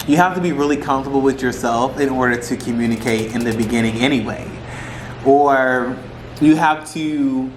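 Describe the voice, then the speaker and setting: Echoey, emphatic man chatting over music. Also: mid-range voice. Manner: rambling, emphatic, repeats phrases for stress; informal slangy speech. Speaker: vlogger giving relationship advice. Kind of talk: casual mukbang chat to camera. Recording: roomy echo with music behind.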